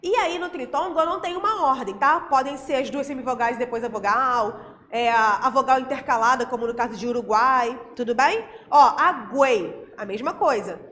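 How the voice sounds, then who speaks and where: High-voiced Brazilian woman teaching. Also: moderate pace, fairly bright tone, big-room sound, a little hiss or hum. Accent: Brazilian Portuguese. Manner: explains patiently, checks in with frequent tag questions. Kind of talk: recorded grammar lesson.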